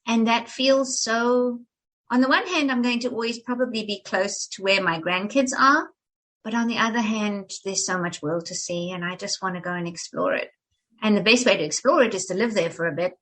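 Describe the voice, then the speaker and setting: An older South African woman with a polished, English-sounding accent speaks at a moderate pace in a medium-pitched, slightly bright voice. Appearing as an interview guest, she talks animatedly and theatrically, restarting often throughout the conversation.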